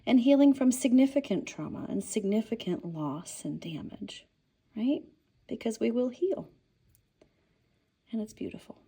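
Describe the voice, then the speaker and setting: Woman, shop tour, enthusiastic, mellow tone, breathy, indoors. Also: a little high, lively intonation, unhurried, long pauses. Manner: enthusiastic, drops to whispers now and then. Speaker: shop owner. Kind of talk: product showcase tour. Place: crystal and mineral shop, indoors.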